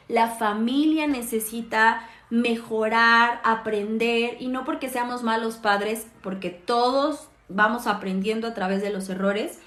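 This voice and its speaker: Woman therapist, high voice, echoey room. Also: a bit bright. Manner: earnest, explanatory, with self-corrections. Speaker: therapist and mother. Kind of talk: live-stream parenting talk. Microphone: phone.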